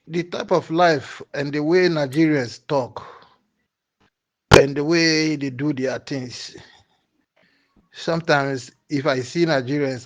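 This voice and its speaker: A man speaking in a recorded voice message, slow and preachy, repeating his points. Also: a little high. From Ghana. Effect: recorded voice message played back. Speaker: caller sending a voice note.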